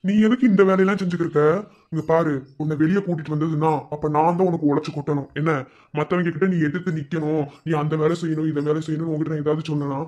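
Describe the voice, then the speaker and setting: A man's voice: a little high, level tone, fast talker, a little mellow, natural voice. A man voicing a young, protective village husband in a cartoon, with a Madurai Tamil accent and a firm, reassuring manner. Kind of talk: cartoon voice acting.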